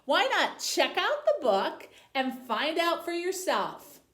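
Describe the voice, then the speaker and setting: A high-voiced woman hosts library content for young viewers, reading a children's novel aloud before addressing them directly. She speaks slowly, her pitch rising and falling in an expressive storytelling style. The indoor room is roomy and echoey, with noticeable reverb around her words.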